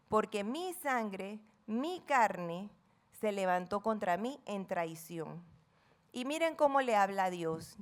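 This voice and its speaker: A middle-aged woman with a Panamanian accent preaching a sermon, reading scripture dramatically and asking the congregation questions. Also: mid-range voice. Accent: Panamanian Spanish. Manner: playful asides acting out friends' chatter.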